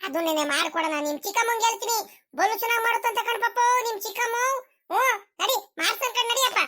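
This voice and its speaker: Woman voicing a protective cartoon grandmother, coaxing, pleading, quick, bright. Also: very high-pitched. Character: doting village grandmother, gentle and protective. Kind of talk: cartoon comedy dubbing.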